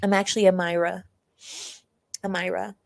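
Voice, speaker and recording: A young woman streams live, telling a personal story in a chatty way, frequently laughing, reading chat comments and putting on voices for quoted classmates. Her voice is lowish and gravelly, delivered flatly at a moderate pace.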